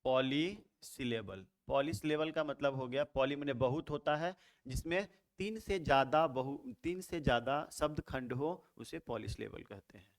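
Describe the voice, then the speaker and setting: A man with a slightly raised pitch explains grammar to students in a lecture. He poses a question, answers it himself, and says each key term slowly and more than once. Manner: repeats key terms slowly, asks and answers own questions. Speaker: English grammar teacher. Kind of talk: Hindi-English explanatory lecture.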